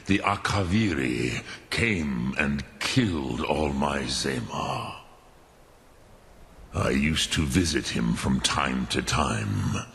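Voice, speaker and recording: With a very deep, fairly bright voice, a man gives full character treatment to an ancient, wise dragon mentor in a fantasy video game. The delivery is gravelly, ponderous, and musing, marked by pauses and dragon-tongue words.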